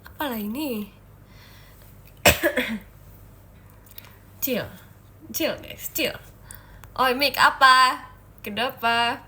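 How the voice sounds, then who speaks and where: A woman's voice: high voice, very slow, long pauses, bright, forceful tone. A young woman hosting a casual livestream chat, playful and giggly, teasing her viewers while sick with a cough and a stuffy nose. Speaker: idol livestream host.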